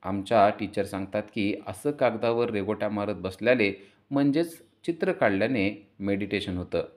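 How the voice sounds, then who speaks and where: A man's voice: on the low side, normal speed, lightly acted. A man voicing a cheerful little girl who talks sweetly and fondly to her father. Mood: playful.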